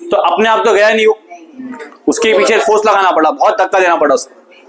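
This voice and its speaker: A man, teaching a physics lesson through an animated story and repeated questions to the class. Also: high-pitched, brisk, low-quality recording.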